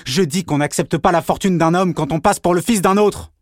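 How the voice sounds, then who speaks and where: A man's voice: on the high side, moderate pace, no echo, studio quality, lightly acted. A man playing a jealous, furious young man. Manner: heated, accusing, raised voice.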